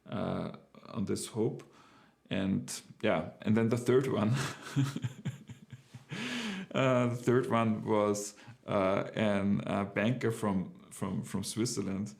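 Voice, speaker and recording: A middle-aged entrepreneur with a German accent talks through a personal business story, loosely and haltingly, stumbling into restarts and fillers. His voice is lowish, gravelly, and dark in tone.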